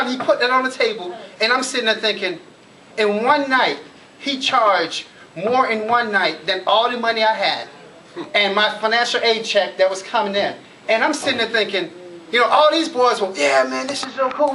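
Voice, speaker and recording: High bright-voiced man giving a keynote. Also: normal speed, slight background noise, low-quality recording. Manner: storytelling, acts out his own inner voice, builds to pumped-up emphasis. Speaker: keynote speaker. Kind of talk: motivational keynote speech. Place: college event hall.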